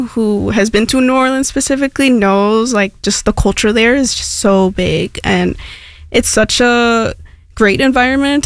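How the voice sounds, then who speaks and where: A young woman from Mexico, a native Spanish speaker, talking as a guest on a radio show. She rambles casually and fills her talk with "like" and "um". Her voice sits fairly high and sounds dry and close on a studio mic. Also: dry recording. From Hidalgo, Mexico. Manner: chatty, rambling, many fillers like "like" and "um". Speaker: radio station intern, guest.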